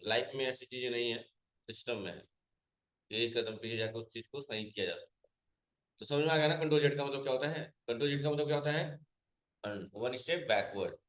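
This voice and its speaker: A man's voice: mid-range voice, brisk, fairly bright tone, echoey room, highs cut off. A man teaching a computer class, asking his students questions and then answering them himself, repeating each key point. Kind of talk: classroom lesson.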